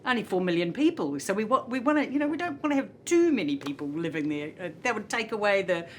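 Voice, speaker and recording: A middle-aged woman with a New Zealand accent, a hotel executive chatting in an interview, laughing often and filling pauses with many uhs. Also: medium pitch, lively intonation, a little hiss or hum. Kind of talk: casual interview chat.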